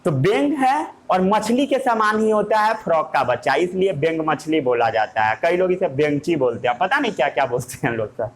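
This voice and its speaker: A man's voice: on the high side, expressive, normal speed, hardly any pauses. A man teaching a lesson, asking questions and answering them himself in a playful way. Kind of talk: classroom lesson.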